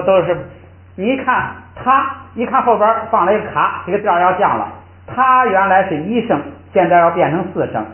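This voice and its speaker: An older man teaching Tibetan pronunciation in a lively classroom style, often drawing out and repeating syllables to show the tones. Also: high-pitched. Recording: tinny, echoey room sound.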